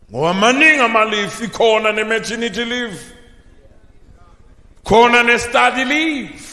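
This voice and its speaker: A man preaching a sermon into a pulpit microphone, who bursts into shouted emphasis and then drops low. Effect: preaching through a pulpit microphone. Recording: long reverb of a large hall.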